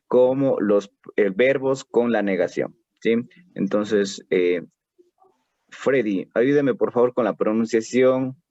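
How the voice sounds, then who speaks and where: A man's voice: lowish voice, warm tone, no room sound, dull audio. A male English teacher with an Ecuadorian Spanish accent, leading an online class and drilling grammar patiently with check-in questions. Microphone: computer mic on video call.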